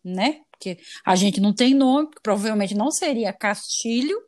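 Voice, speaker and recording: A woman who is a guest on a podcast, ranting in a lively, profane, casual way. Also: a little high, normal speed. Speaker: guest artist and English teacher.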